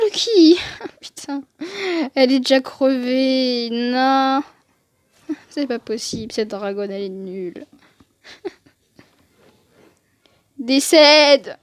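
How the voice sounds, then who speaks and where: A woman's voice: sits high, clean tone, dry recording. A woman hosting a gaming video, giving casual, joking, self-mocking commentary into a close microphone. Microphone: desk microphone close up.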